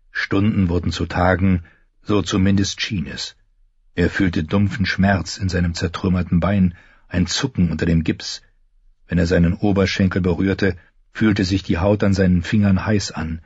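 A man reading a fantasy novel aloud as an audiobook narrator, measured and somber, on a close mic. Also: low voice, breathy edge, no room sound, highs cut off.

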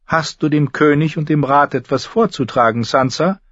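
A man's voice: a little high, normal speed, fairly bright tone, no room sound, voice pushed up. A man voicing a cold, disappointed queen with a reproachful manner, in a slightly muffled audiobook recording.

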